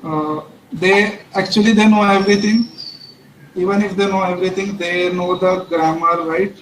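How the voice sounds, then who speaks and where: A man presents a webinar in a fairly high, even voice that stays level as he works through his points. He repeats phrases and keeps checking in with his listeners. The recording sounds roomy and echoey, with faint ambience behind it. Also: normal speed, slight background noise. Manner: restarts and repeats phrases while speaking. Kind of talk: instructional webinar talk.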